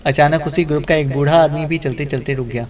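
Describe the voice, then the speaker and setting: A male narrator reading a detective novel as an audiobook, steady and even in his storytelling. His voice sits a little high for a man. The recording is dull and lo-fi. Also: far from the mic. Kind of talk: scripted narration.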